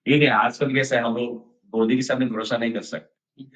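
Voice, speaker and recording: Unhurried and steady, this man speaks at medium pitch with a fairly bright tone. He is a devotional speaker giving a casual, story-based sermon, with English phrases mixed in and laughter here and there. Echo and distance leave the sound dull.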